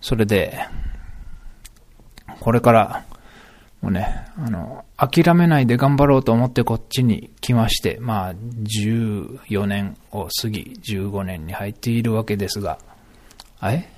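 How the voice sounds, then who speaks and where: Rambling low-voiced middle-aged man. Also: measured pace, a little mellow. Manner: rambling, musing, many fillers and self-corrections. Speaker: podcaster. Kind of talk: solo podcast monologue.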